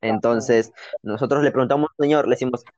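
A young man with a Peruvian accent, telling childhood stories in an animated, slangy way with frequent laughs, as a podcast co-host. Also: mid-range voice, fairly quick, no room sound. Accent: Peruvian Spanish. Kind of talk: casual storytelling chat. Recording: dull, dry lo-fi recording.

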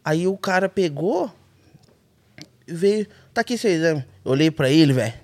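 A man's voice: fairly high pitch, normal speed. A man with a Brazilian accent, a rally navigator guest telling a story in casual, colloquial talk and acting out the dialogue. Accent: Brazilian Portuguese. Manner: animated, colloquial, acts out dialogue in his story.

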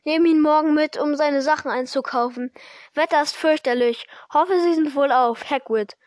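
Hagrid, gruff kind giant, read by a woman. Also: high voice, moderate pace, a little mellow, no room sound, natural voice. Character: big, gruff, kind-hearted male giant.

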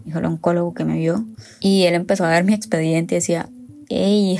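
A woman's voice: on the low side, vocal fry, a little mellow. A woman in her thirties with a Costa Rican accent, telling a personal story in a candid, emotional way with wry touches. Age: 30s.

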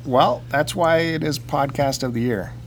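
A man's voice: mid-range voice, measured pace. A man co-hosting a podcast in casual banter with a teasing, needling manner, talking over a laptop fan. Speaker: podcast co-host. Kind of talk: casual banter between friends. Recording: loud laptop fan hum behind voice. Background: loud computer fan.

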